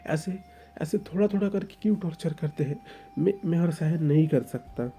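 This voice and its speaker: Casting: male narrator doing a tearful young man, stammering, pitched higher than his own voice, breaking into sobs. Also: moderate pace, warm tone, faint music behind, lightly acted. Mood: sobbing. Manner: stammering, tearful, repeats words. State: crying. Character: young man sobbing, hurt and pleading.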